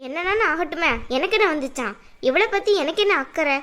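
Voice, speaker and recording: A jealous, sharp-tongued young cartoon woman, voiced by a woman. Her voice sits high and she talks in scolding demands. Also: lively intonation, exaggerated voice. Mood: angry. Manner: scolding, demanding, quick to anger. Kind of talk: cartoon voice acting.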